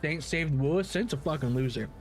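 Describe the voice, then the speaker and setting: Hosting a livestream, a man offers casual commentary on games, rambling and opinionated with some casual swearing. His voice is fairly high and animated, at a moderate pace, with soft music in the background.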